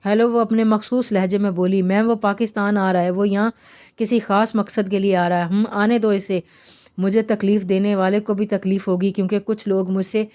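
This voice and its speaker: A woman reads a romance novel aloud, carrying both the narration and the characters' dialogue in her own everyday voice. Her tone is mellow and dark rather than bright, and she sits at a middle pitch. She stumbles now and then and restarts her words. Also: little pitch movement, normal speed. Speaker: novel reader.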